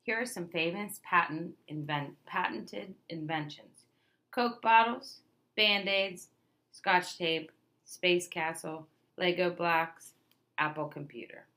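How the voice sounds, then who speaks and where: Reading a nonfiction picture book aloud to children, a woman speaks slowly in a voice that sits a little low yet is clearly bright and forward. She presents it expressively, with emphatic stresses, as though talking straight to young listeners.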